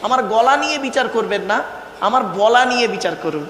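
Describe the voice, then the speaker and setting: A man's voice: very high-pitched, lively intonation, a bit bright, echoey room, big-room sound, a little hiss or hum. A man preaching a Bengali waz sermon to an audience, declaiming with repeated phrases and calling listeners "baba". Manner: chants Arabic verses slowly.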